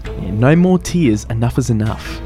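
A young man reads out quiz questions in a casual podcast chat, laughing often between lines. His pitch swings widely and a faint bed of music plays behind him. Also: lively intonation, normal speed, mellow.

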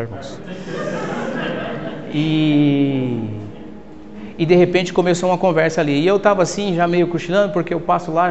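High-voiced Brazilian pastor in reverberant hall. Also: male voice, lo-fi sound. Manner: calls listeners "my brother", swings from hushed asides to loud exhortation. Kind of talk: sermon. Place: church service with congregation in masks. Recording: long hall reverb with faint music.

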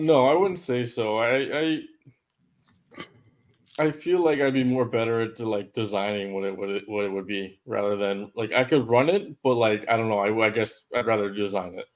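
A man on a casual podcast, answering in a hesitant, halting way. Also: mid-range voice. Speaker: podcast co-host. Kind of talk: casual chat.

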